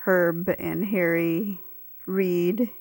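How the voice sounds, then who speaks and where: A woman narrating family photos in a slow, halting way, full of ums and uhs. Her voice sits fairly low, and the sound is close and dry. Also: steady tone, a little mellow, no echo. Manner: hesitant, with many ums and uhs. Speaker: family historian presenting a tape. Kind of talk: casual narration over photos.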